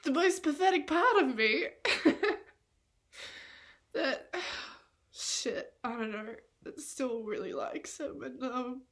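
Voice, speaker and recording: A woman's voice: high-pitched, slow pace, long pauses, a bit bright. A young woman rambling in a tearful confessional vlog, swearing often and laughing at herself through tears.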